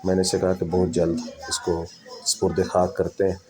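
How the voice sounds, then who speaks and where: A man telling a first-person spooky story in a dramatic, unhurried way, repeating phrases for effect. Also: deep voice, completely flat delivery, a crowd in the background.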